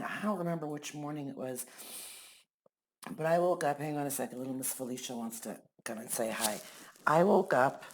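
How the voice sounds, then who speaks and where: A woman's voice: low-pitched, darkish tone, a little hiss or hum. A middle-aged woman talking candidly in a casual vlog as an angel card reader, frank and swearing freely. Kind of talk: casual personal vlog talk. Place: living in Mexico.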